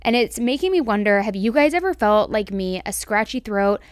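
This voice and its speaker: A woman hosting a true crime show, chatting straight to listeners, a little hoarse with vocal fry and a scratchy throat. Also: mid-range voice, expressive, normal speed, dry recording, clean studio sound. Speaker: true crime podcast host. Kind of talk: casual storytelling and ad read.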